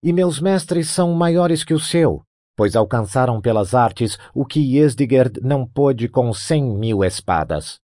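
A man doing a cryptic servant of dark prophets. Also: mid-range voice, expressive, unhurried, dry recording, studio quality, pitched above the performer's own voice, lightly acted. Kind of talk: audiobook character voice.

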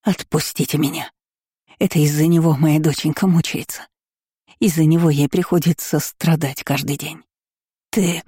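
A woman voicing a furious, scheming middle-aged baroness who talks in a slow, shrill and cutting way. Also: fairly even intonation, warm tone, breathy edge, dry recording, clean studio sound.

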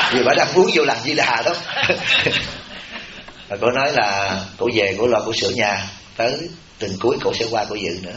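A man's voice: medium pitch, normal speed. A man with a Southern Vietnamese accent, a Buddhist abbot giving a humorous, chatty dharma talk to a retreat audience. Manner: chatty storytelling, animated when quoting others. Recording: roomy, dull, noisy temple hall recording.

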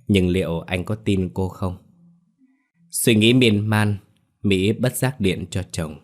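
Brief: male storyteller, deep voice, steady scripted narration.

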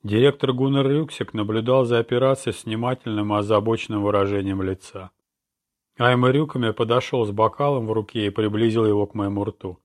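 Male narrator, low voice, measured first-person audiobook reading. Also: fairly even intonation, a little mellow, no echo, clean studio sound.

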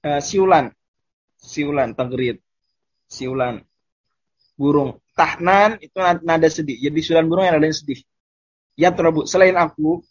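Husky-voiced man teaching Arabic grammar. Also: a little high, dull audio. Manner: explains casually, repeats Arabic phrases slowly, laughs at examples. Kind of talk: online Arabic grammar lesson.

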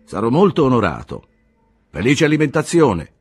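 A man's voice: medium pitch, huge pitch swings, normal speed, breathy edge, pitched above the performer's own voice. A man voicing a jovial older sanatorium director who banters in a brusque, joking way. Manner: bantering, brusque, full of jokes.

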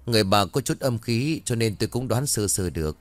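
A man voicing a sly, calm older exorcist who gives orders in a spoken ghost story. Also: on the low side, a little fast, dry recording, close to an everyday voice. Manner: calm, commanding.

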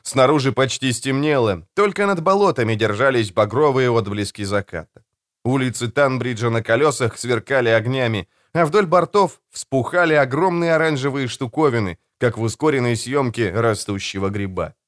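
Expressive male audiobook narrator. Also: medium pitch, moderate pace, dry recording, clean studio sound. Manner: expressive storytelling. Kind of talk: scripted narration.

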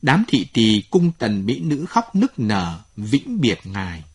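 A man reading a novel aloud in an expressive, measured way. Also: fairly low pitch, breathy edge. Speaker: narrator. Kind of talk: audiobook narration.

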